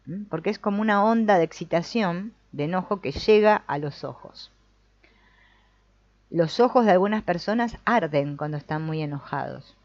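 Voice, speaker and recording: A woman's voice: on the low side, darkish tone, no echo. A woman leading a family constellations group, reading from a book and commenting reflectively, often checking in with the group. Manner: reflective, often adds a questioning "no?" or "mm?". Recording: dull lo-fi, dry sound.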